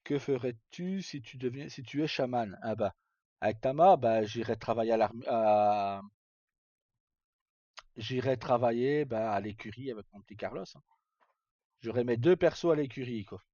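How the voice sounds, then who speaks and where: A middle-aged live streamer chats casually, rambling and hesitant, in a mellow mid-range voice at normal speed. There's no room sound, but the recording is dull and lo-fi.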